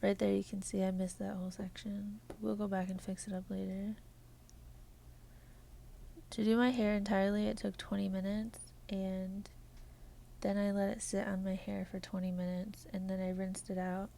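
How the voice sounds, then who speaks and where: A woman narrating a home hair-bleaching tutorial as a voice-over, speaking softly and often dropping to a half whisper, at times flat and measured and at times quick and chatty. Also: medium pitch, creaky. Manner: soft, half-whispered instructional delivery. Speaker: beauty vlogger.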